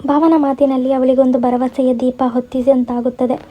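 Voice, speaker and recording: A woman storyteller reading a scripted story in a steady, even way, in a dull lo-fi recording. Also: high-pitched, fairly quick.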